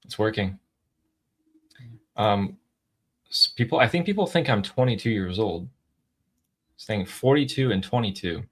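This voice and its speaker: A man's voice: fairly low pitch, lively intonation, a little slow, long pauses, fairly bright tone. Dry-humored young man reading chat. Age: 20s. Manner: dry, teasing, reads out viewer messages. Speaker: live-stream host reading viewer messages. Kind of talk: casual live-stream chat.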